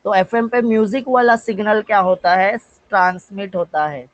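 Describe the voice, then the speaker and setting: A man from India teaching physics with an Indian accent in a live online class, asking and answering his own questions, slowing down to dictate English definitions and calling on students by name. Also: high-pitched, no echo, dull audio.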